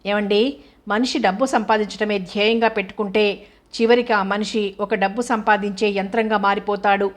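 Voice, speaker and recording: A woman's voice: medium pitch, little pitch movement, fairly quick, natural voice. A woman voicing an angry, hurt young wife who accuses her husband with bitter sarcasm. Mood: bitter, reproachful.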